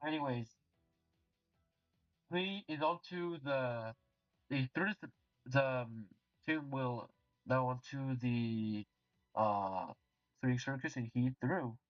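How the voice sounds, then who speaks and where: A young man commentating a game competition play-by-play, halting with fillers and restarts, then breaking into excited shouts. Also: mid-range voice, dry recording. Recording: distant dull mic with faint music.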